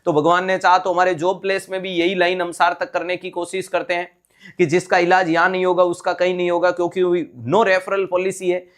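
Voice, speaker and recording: A man's voice: sits high, monotone, brisk. A man teaching a live online nursing exam class, explaining step by step, repeating key terms and checking that students follow. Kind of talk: online exam-prep lecture.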